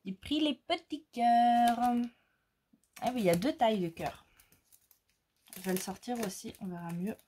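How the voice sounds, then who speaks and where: A woman chatting casually as she shows off her crafting haul, pausing often and searching for words. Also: fairly high pitch, dark tone, a little hiss or hum. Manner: slow, hesitant, many fillers. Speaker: crafting vlogger. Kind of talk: casual haul show-and-tell.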